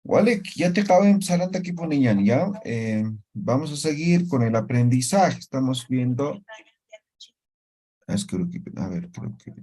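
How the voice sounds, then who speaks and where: A man's voice: medium pitch, big pitch swings, normal speed, dark tone, breathy edge. A man teaching a language lesson, explaining rules step by step and checking in with his listeners through frequent short tag questions.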